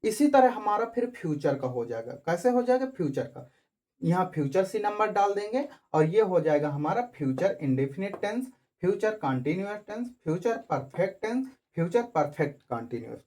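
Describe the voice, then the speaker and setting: A woman teaching an English grammar lesson to children, asking questions and answering them herself with slow, repetitive drilling. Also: lowish voice, very animated, dark tone.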